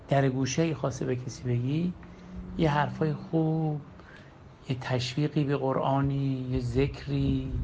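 A man's voice: mid-range voice, vocal fry. A man giving a Quran commentary lesson, reciting verses and then explaining them in plain, conversational speech. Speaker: Quran teacher. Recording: dull lo-fi recording with faint background hum.

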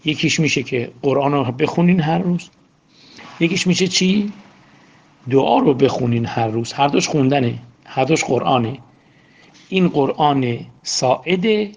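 A man's voice: mid-range voice, vocal fry, a little mellow, husky, highs cut off. A man giving an informal religious lecture, talking conversationally and often asking his listeners questions. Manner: conversational, asks the audience questions. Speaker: religious teacher.

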